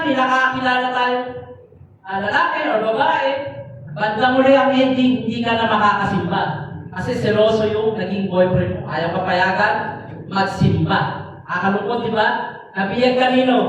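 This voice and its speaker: A man's voice: very high voice, a bit bright. A man giving a sermon as a lay preacher, telling a story in a loose, conversational way with frequent tag questions and fillers. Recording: echoey hall, mic far off, faint noise.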